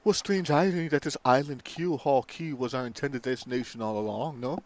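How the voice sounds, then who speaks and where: A man's voice: mid-range voice, fairly quick, natural voice. A man voicing a flamboyant, vain merchant adventurer from a video game, grandiose and theatrical in manner. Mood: solemn, theatrical. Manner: grandiose, theatrical, stammers when frightened.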